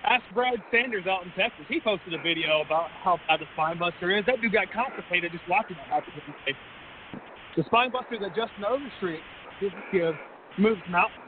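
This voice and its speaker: A man's voice: high-pitched, fairly quick. A man trading wrestling promo trash talk on a phone call, cocky, mocking and full of wisecracks. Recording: noisy, hissy, tinny phone line.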